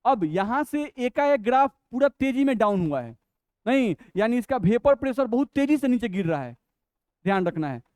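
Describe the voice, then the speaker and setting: Male teacher, Bihari Hindi accent, high clear voice, patient step-by-step explainer, dry close recording. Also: sing-song, a little mellow, no room sound. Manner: explains step by step, asks and answers his own questions; reads English definitions slowly and deliberately. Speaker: chemistry teacher. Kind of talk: classroom lecture.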